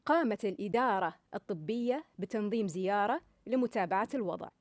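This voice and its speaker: A woman's voice: mid-range voice, animated, a little fast, no room sound, studio quality, close to an everyday voice. A woman putting on a Gulf Arabic accent to read out a sentence with careful, formal enunciation. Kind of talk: demonstration sentence reading.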